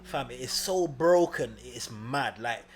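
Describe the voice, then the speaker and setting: A man's voice: mid-range voice, expressive, unhurried, a crowd in the background. A young man with an East End London accent, co-hosting a casual podcast and telling stories in street slang while laughing often. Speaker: podcast co-host.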